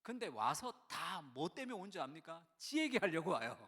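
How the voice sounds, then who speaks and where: A middle-aged male pastor delivering a sermon with lively storytelling. His voice sits high and rings bright, and it leaps up and down as he acts out the people he quotes. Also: normal speed, slightly rough, in a large hall. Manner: animated storytelling, acts out quoted voices, wide swings from hushed to loud. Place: church sanctuary.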